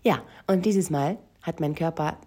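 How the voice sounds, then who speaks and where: Low-pitched and husky with a dark tone, this woman coach takes her time. She talks directly and intimately to the listener in a personal monologue, frequently dropping to a whisper.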